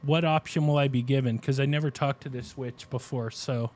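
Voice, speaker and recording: A man's voice: medium pitch, steady tone, brisk, a little mellow, a little hiss or hum. A man streaming a game, chatting casually with friends and asking lots of questions. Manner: curious, asks lots of questions. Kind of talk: casual gaming chat.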